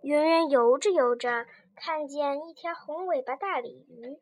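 A woman reads a children's story in a gentle, expressive way, with a high voice. She takes her time over each phrase. The recording is close and completely dry. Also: a little slow, no room sound.

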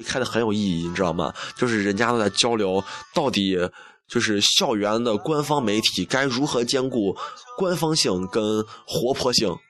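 On his campus radio show, a young male host with a medium-pitched, slightly bright voice spins a casual story. He pokes fun at himself and performs each line of dialogue.

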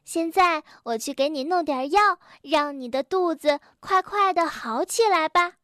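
A woman's voice: high-pitched, a little slow, fairly bright tone, dry recording, studio quality. A woman voicing a cheerful young male rabbit with big buck teeth, eager and full of ideas. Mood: chirpy.

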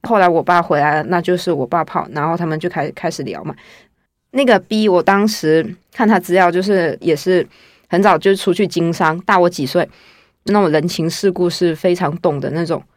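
A woman's voice: lowish voice, fairly quick, dry recording, studio quality. A woman in her twenties casually telling her own story in the first person, chatty and wry. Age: 20s. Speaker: guest storyteller.

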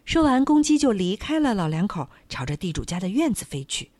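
A woman narrating a children's folk tale with an expressive, animated reading. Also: medium pitch, brisk, over music. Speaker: storyteller.

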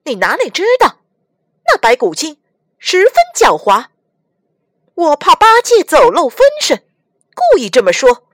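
A woman voicing a boastful male monkey king, loud and commanding. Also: high-pitched, wildly swooping pitch, unhurried, long pauses, no room sound, studio quality, voice pushed up, heavily acted. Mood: secretive.

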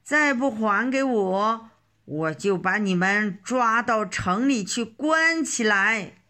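A woman voicing a flustered, angry old male straw-hat peddler in a children's story, scolding and shouting. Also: a little high, sing-song, slow pace, exaggerated voice.

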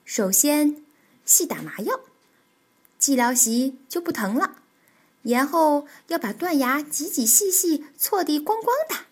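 A woman's voice: sits high, lively intonation, unhurried. Woman doing a jolly beaver dentist. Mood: explaining. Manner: jolly, boastful, explaining. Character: cheerful male beaver dentist, proud and jolly.

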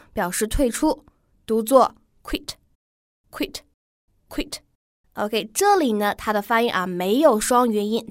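A woman English teacher giving a pronunciation lesson, stretching out model words slowly. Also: on the high side, no room sound, studio quality. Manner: slow, drawn-out model pronunciations.

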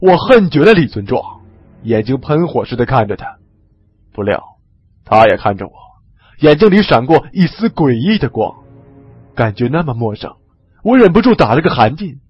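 A man narrating a story in the first person, with lively, expressive storytelling. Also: mid-range voice, husky, dry recording, dull audio.

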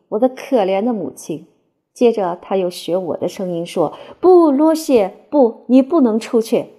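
A woman reads a classic novel in the first person, measured and expressive. Her tone is mellow and dark, with a husky, breathy grain. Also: on the low side. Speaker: audiobook narrator. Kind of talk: literary audiobook narration.

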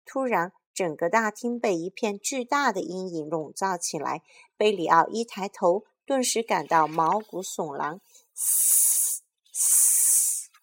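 A woman reading a children's storybook aloud in a soft, lively storytelling manner. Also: on the low side, measured pace.

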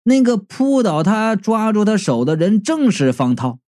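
A man narrating a comedic novel in the first person, telling the story in a lively, expressive way. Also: sits high, a little slow. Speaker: audiobook narrator.

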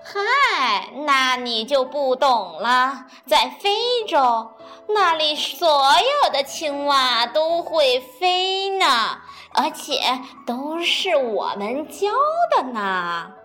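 A woman's voice: sits high, very animated, pushed and bright, soft background music, voice pushed up, heavily acted. Woman voicing a sly coaxing crane. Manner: coaxing, drawn-out words.

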